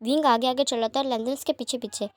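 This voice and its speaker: A woman narrating a romance fan fiction story aloud in a plain, even manner. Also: sits high, fast, dry recording, studio quality.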